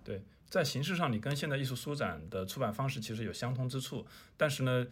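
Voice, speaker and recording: A man's voice: medium pitch, animated, fast, slightly rough. A man hosting a casual podcast, talking in long, reflective turns.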